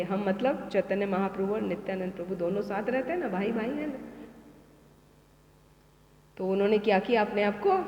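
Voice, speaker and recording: A woman teacher tells devotional stories in a storytelling lilt. She often poses a question and answers it herself, at a medium pitch. The sound is roomy, with a long hall reverb. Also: dull audio. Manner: asks rhetorical questions and answers them, with a lively storytelling lilt.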